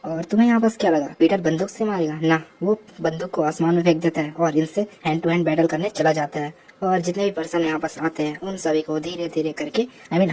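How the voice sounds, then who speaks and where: A woman's voice: deep voice, darkish tone. A woman narrating a comic story recap in a casual, chatty way, with frequent English words and asides.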